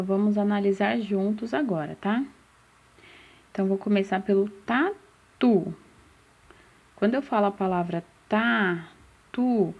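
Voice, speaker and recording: A Brazilian woman teaching a slow, patient phonics lesson for young children, stretching out syllables and asking questions that she then answers herself. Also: mid-range voice, gravelly, husky. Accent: Brazilian Portuguese. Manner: drawn-out syllables, asks questions and answers them. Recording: dull, muffled lo-fi recording.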